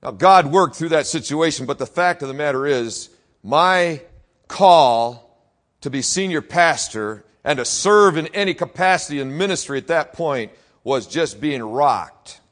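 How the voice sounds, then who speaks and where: A man, a senior pastor, preaching a sermon with dramatic storytelling, dropping to a hush and rising to loud exclaims. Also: a little high, lively intonation, measured pace.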